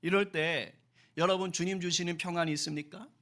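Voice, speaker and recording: Male pastor, sermon, bright tone, higher pitch, fervent delivery. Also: fairly even intonation, brisk. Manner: preaching with loud fervent peaks and quoted voices.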